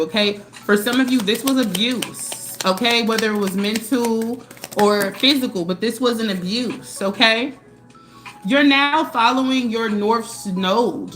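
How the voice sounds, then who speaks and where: A woman streaming a live tarot reading, talking fast and repeating herself, often checking in with "okay?". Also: mid-range voice, fairly bright tone. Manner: fast, repetitive, tags lines with "okay?". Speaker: tarot reader.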